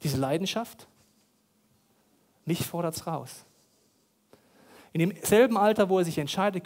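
Pastor guy, fairly high voice, dramatic storytelling sermon, repeats lines for punch.

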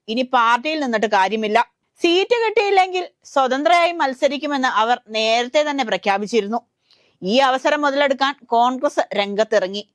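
A woman's voice: high-pitched, a bit bright, no echo, clean studio sound. A woman with a Malayali accent reading a scripted news voice-over in a wry, satirical storytelling way. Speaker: news narrator.

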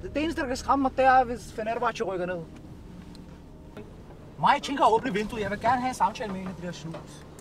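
A man's voice: extremely high pitch, a bit bright. A young man hosting a vlog from inside a car, joking and teasing in brash, slang-heavy casual talk. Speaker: vlogger host. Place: inside a car at a drive-through attraction. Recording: noisy in-car recording.

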